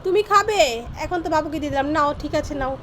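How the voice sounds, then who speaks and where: High-voiced woman in a family skit. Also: rapid-fire, heavy background noise. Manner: coaxing, teasing, playful scolding. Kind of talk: acted family comedy skit.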